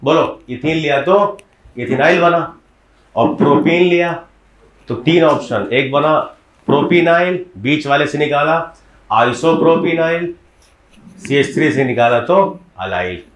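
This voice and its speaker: A male chemistry teacher giving a classroom lecture, explaining step by step and often putting quick questions to his students. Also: a little high, animated, reverberant.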